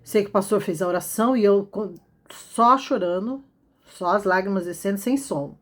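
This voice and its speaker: A woman's voice: medium pitch, moderate pace. A woman with a Brazilian accent telling a personal testimony in a casual, emotional way, repeating phrases for emphasis.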